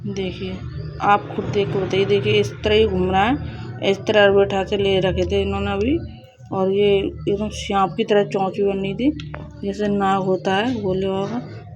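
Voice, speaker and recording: A young woman with a hoarse, sore-throated voice chatting casually to her viewers at home, rambling with restarts. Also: mid-range voice, little pitch movement, normal speed, highs cut off, music in the background. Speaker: vlogger. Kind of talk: casual vlog chat to viewers. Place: home, indoors.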